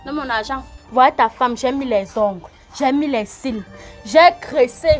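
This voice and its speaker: An actress playing a hairdresser who insistently and loudly demands her pay, repeating herself, in a film drama. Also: high voice, normal speed, soft background music, close to an everyday voice. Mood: angry. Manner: insistent, repetitive, loud demands.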